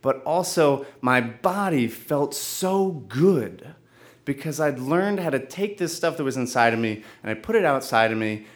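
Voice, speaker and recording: A man telling a personal story live on stage, earnest and halting, with frequent restarts. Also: mid-range voice, lively intonation.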